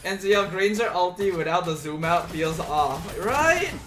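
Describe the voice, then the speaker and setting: A man doing casual livestream gameplay commentary like an animated, exasperated gamer bro. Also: high-pitched, a little slow. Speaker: esports caster streaming a game.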